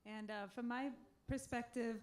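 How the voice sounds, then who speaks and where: A woman's voice: on the high side, fairly even intonation, measured pace. A woman musician introducing her song in thoughtful, casual stage talk with frequent fillers, into a stage microphone at a live music event. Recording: echoey live room with loud music.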